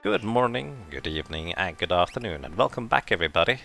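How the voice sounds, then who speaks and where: A man chats and thinks aloud while streaming a game, his low, gravelly voice squeezed into a sharp, tinny tin-can sound by a makeshift microphone. Faint game music plays underneath. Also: lively intonation, fast talker. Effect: tinny tin-can sound from a substitute microphone. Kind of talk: casual live game-stream commentary. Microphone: substitute microphone.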